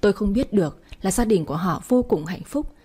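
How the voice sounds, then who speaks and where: Woman reading a sad story, husky and breathy, kinda sorrowful. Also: medium pitch, lively intonation, a little fast, dark tone. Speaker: audiobook narrator. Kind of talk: first-person storybook narration.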